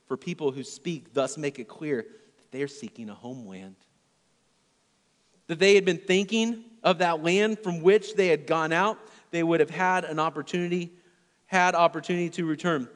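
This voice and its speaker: In a church, a male pastor preaches an earnest sermon, swinging between loud emphasis and hushed, near-whispered lines. His voice is on the high side at a moderate pace, with a long reverb tail.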